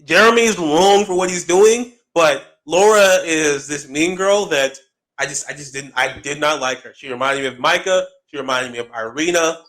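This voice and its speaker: A man co-hosting a casual podcast chat, blunt and animated, cursing freely. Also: fairly high pitch, moderate pace. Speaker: podcast co-host.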